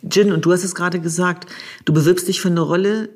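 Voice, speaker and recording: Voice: mid-range voice, fairly even intonation, a little fast, a little mellow. A speaker in a conversation who talks with urgent emphasis and repeats phrases for stress. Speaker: discussion partner. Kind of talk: impassioned conversation.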